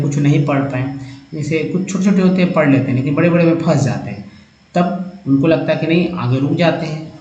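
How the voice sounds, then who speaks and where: A man teaching English reading in a spoken lesson, spelling out letters and sounding out word parts slowly, calling his viewers friends. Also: on the high side, darkish tone. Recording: echoey room, dull lo-fi sound.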